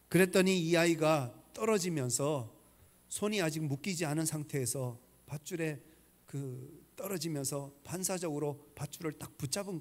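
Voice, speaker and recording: A man preaching a sermon as pastor, telling a story solemnly and dropping to a hush at its saddest moments. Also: a little high. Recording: long church hall reverb.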